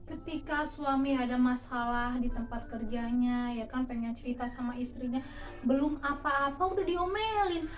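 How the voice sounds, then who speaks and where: A chatty woman with a high voice gives casual advice to wives. She sits back from the mic in an echoey room, and faint music runs behind her. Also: moderate pace. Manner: chatty, keeps tagging "ya kan?". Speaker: host giving marriage advice to wives. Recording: roomy, a bit far from the mic.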